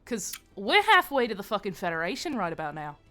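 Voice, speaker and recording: A woman's voice: mid-range voice, big pitch swings, brisk, bright, forceful tone, faint music behind. A woman playing a tabletop game with friends, chatting casually in and out of character in a blunt, sweary way.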